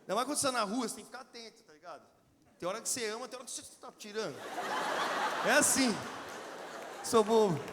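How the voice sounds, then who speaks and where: A man's voice: very high-pitched, fast talker, long pauses, background noise. A man with a Brazilian Portuguese accent telling a casual, slangy sermon story to a conference audience, acting out the dialogue. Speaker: preacher at a youth conference. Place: large hall with audience. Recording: long hall reverb, crowd murmur.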